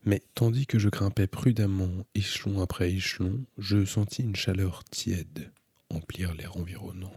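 A man calmly reading a novel aloud as an audiobook narrator, in a measured, introspective way. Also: sits low, slightly rough, dry recording.

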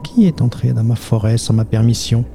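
A fierce, possessive panther spirit of the deep woods from a storybook, snarling out his threats, as a man puts him on. The voice is dark and mellow, pushed up and louder when the creature gets greedy. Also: fairly quick, gravelly, soft background music, lightly acted. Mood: growling. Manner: growling, threatening, then pleading.

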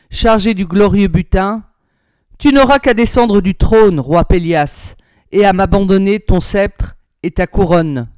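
A woman reading a storybook aloud, voicing a young male hero prince who answers a king calmly and firmly. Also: mid-range voice, no echo, natural voice. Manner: calm, firm.

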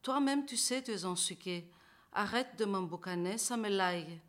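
A woman's voice: medium pitch, moderate pace, fairly bright tone, lightly acted. A woman reading the part of a boastful, mocking hare in a storybook tale, in street slang. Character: boastful cocky male hare.

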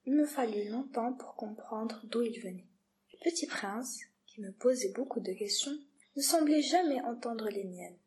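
A woman reading storybook narration aloud in a soft, measured way. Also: a little high, lively intonation, a little hiss or hum. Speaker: reader.

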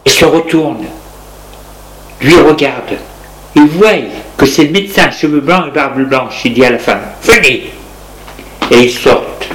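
A man reading a story aloud in short, measured phrases. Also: mid-range voice, fairly bright tone, slight background noise, rough recording.

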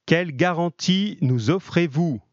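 A man's voice: fairly high pitch, moderate pace, a little mellow, no echo, dull audio, pitched above the performer's own voice, lightly acted. A man voicing a wary negotiating gendarme.

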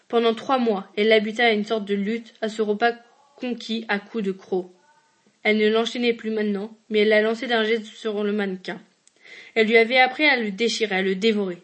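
Woman reading a short story, fairly high voice. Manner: measured reading with occasional slips and restarts. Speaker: reader.

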